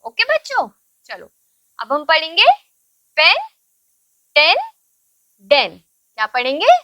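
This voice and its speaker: A woman teaching English words to children, patiently repeating and spelling each word slowly. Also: very high voice, wildly swooping pitch, bright, forceful tone, no room sound.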